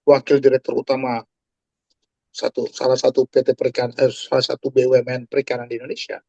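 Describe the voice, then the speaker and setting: A man in his forties giving an animated talk on a video call, speaking straight to his listeners like a preacher. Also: mid-range voice, dry recording, dull audio. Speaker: guest speaker. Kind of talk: talk to an online audience.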